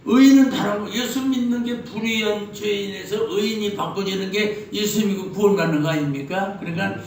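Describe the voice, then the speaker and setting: High-voiced pastor in echoey hall. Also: male voice, steady tone, normal speed. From Chungcheong, Korea. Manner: jokey storytelling, rhetorical questions. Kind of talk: sermon. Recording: very echoey hall, mic at a distance.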